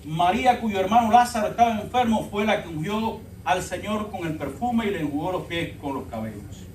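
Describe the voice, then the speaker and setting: A man's voice: sits high, animated, brisk, a little mellow, slight background noise. A man preaching a sermon as pastor, telling the story dramatically and calling the congregation brothers. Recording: echoey church from far off.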